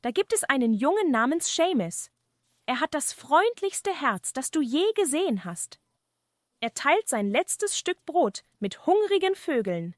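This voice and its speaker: A woman's voice: high voice, sing-song, a little slow, no echo, clean studio sound. A woman voicing a tiny, proud, kindly male leprechaun shoemaker with an earnest, courteous manner in a fireside story.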